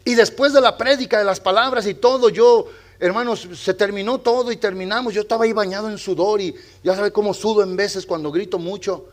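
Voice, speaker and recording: A male pastor preaching a sermon in a church, swinging between loud exhortation and quiet storytelling. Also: high voice, fairly quick.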